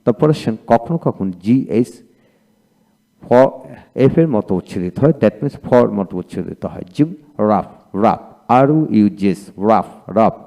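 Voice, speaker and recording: A man's voice: on the low side, animated, normal speed, dark tone. Bengali-accented man drilling word lists. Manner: reads word lists, repeating each word twice. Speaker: English teacher. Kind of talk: pronunciation drill lesson.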